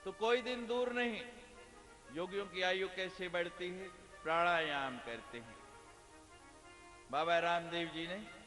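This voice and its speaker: A man preaching a devotional discourse who mixes humorous stories and jokes with questions put to the audience. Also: on the high side. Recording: long hall reverb, faint music.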